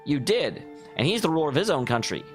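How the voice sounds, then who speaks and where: A man's voice: on the high side, sing-song, fast talker. A man hosting a let's play, giving casual, rambling gaming commentary with speculative and self-deprecating asides. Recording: faint game music behind.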